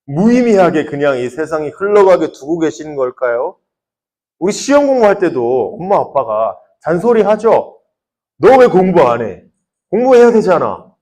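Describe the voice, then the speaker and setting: A young man, a youth pastor, preaching to teenagers in a conversational way, asking many questions and often dropping to a soft, quiet voice. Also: a little high. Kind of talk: sermon to teenagers.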